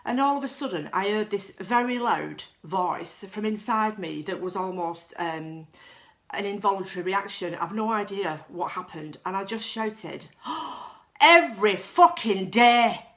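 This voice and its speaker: A woman's voice: mid-range voice, moderate pace. A middle-aged woman telling her own story in a candid, self-deprecating way, with frequent restarts. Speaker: client giving a testimonial. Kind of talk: personal testimonial storytelling.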